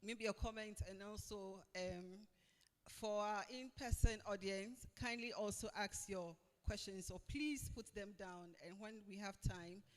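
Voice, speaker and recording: Playful event moderator, mid-pitched voice, long hall reverb. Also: a little slow. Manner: upbeat, playful, addresses audience directly. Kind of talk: moderating a live fireside chat.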